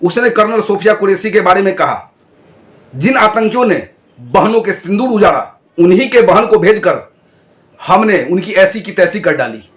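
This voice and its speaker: A man's voice: high voice, expressive, moderate pace, fairly bright tone. A man hosting his own channel, giving indignant political commentary and lecturing viewers with rhetorical questions. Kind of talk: talking to camera, political commentary.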